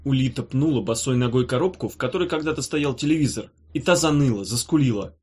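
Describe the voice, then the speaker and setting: A man reading an audiobook in a calm, even narration. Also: mid-range voice, slightly rough. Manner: calm, even reading; measured commands as the guardian. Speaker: audiobook reader. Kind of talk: scripted narration.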